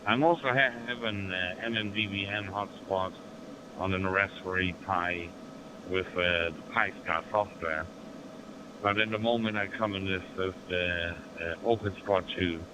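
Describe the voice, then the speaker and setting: A low-voiced man with a German accent speaks in a steady, unhurried tone. He's making small talk during an amateur radio contact, using formulaic operator phrasing over a crackly, noisy link with a hum in the background.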